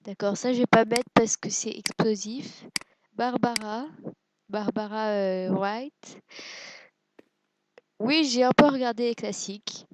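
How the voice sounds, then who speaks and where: A woman's voice: fairly high pitch, slow, long pauses, background noise. A woman giving casual gameplay commentary, hesitant and self-deprecating, musing aloud with lots of fillers. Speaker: let's play gamer.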